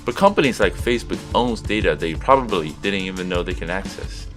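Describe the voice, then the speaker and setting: Deep-voiced young man narrating an essay. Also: a little fast. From Seattle, USA. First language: Chinese. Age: young adult. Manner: steady, explanatory reading. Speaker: student narrator. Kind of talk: scripted video essay narration. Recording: music behind voice.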